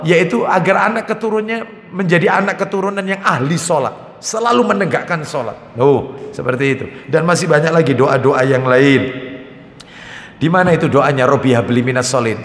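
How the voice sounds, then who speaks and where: A man giving a religious study lecture, animated, acting out parents and children in quoted voices. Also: high-pitched. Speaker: preacher. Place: mosque hall. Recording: echoey mosque hall.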